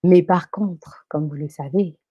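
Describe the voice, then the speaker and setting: A woman's voice: fairly low pitch, measured pace, dark tone, husky, no room sound, lo-fi sound. A young woman from Africa hosting a live show, speaking in an emphatic, repetitive motivational way and slipping in English phrases. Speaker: live show host and coach. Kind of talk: live stream monologue. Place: France.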